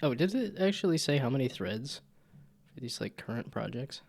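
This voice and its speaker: A man's voice: mid-range voice, big pitch swings, moderate pace, gravelly, darkish tone. A man doing casual, rambling game commentary as a streamer, jokey and thinking aloud.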